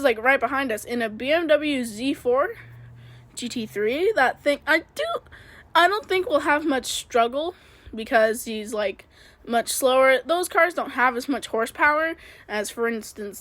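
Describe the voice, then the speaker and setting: Woman, high voice, dry close sound, casual racing game commentary, rambling, self-critical, lots of ums. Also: moderate pace, fairly bright tone, dry recording. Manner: rambling play-by-play, self-critical, many fillers. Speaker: gaming video creator.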